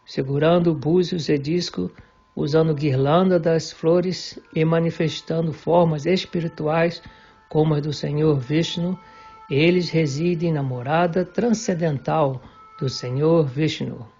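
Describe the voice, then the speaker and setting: A man reads a devotional text aloud in a slow, measured way. His somewhat raised voice has a husky edge. The recording sounds dull and lo-fi, with faint music underneath. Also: on the high side, steady tone, darkish tone. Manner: measured, deliberate reading. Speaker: reader of a devotional book. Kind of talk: slow scripted reading of a religious text.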